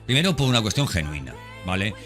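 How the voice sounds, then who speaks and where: Very animated and fast, a podcast host with a lowish, fairly bright voice talks directly to his listener in a loose, unscripted monologue, repeating phrases for emphasis. Background music sits beneath his speech.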